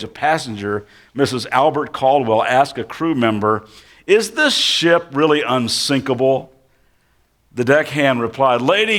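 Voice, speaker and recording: A male pastor preaching a sermon as dramatic storytelling, slowing and dropping to hushed tones for effect. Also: medium pitch.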